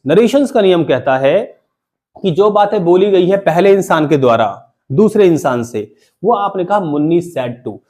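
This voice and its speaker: A man's voice: sits high, expressive, unhurried, darkish tone. A man teaching an English grammar lesson to a classroom of students, repeating key terms and asking the class to say them back. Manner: call-and-response questioning, repeats key terms.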